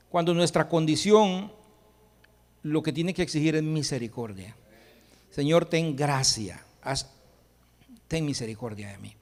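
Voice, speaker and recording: Man, pastor, sermon, high voice, passionate, loud-to-hushed swings, long church reverb. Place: church sanctuary.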